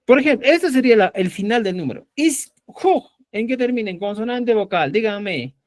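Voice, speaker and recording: A man's voice: high-pitched, moderate pace. A man teaching a live online Quechua class, quizzing his students and saying "ya" again and again. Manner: lively, repeats "ya" and quizzes students.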